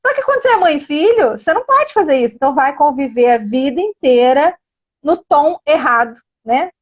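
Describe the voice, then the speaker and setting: A woman's voice: high voice, lively intonation, brisk, highs cut off. A woman with a Brazilian Portuguese accent speaking earnestly as a child education coach in a casual live stream, addressing viewers directly.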